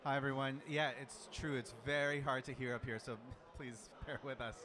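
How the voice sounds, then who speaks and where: A man from the United States, a startup founder, introducing himself on a conference panel in a relaxed, conversational way. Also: mid-range voice, moderate pace. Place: conference room with audience. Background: crowd murmur.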